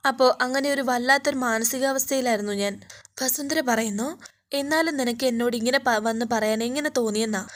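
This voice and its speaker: A woman casually retelling a TV serial episode, quoting each character's lines in her own plain voice. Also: fairly high pitch.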